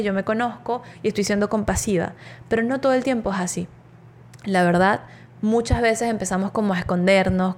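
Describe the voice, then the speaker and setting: Expressive woman storyteller. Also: mid-range voice, slight background noise. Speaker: wellness speaker. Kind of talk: personal storytelling talk to listeners.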